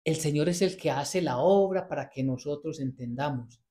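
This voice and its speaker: A man preaching a sermon on a Bible passage, earnest and emphatic, slowing down to stress key words and repeating pleading prayers. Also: on the high side, dark tone.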